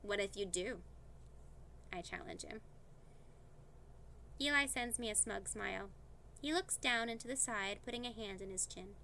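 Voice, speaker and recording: A woman narrates a young adult novel aloud in the first person. Her voice is bright and forward with a gravelly edge. She reads in an expressive, playful way. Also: a little high, normal speed, long pauses, a little hiss or hum. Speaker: audiobook reader.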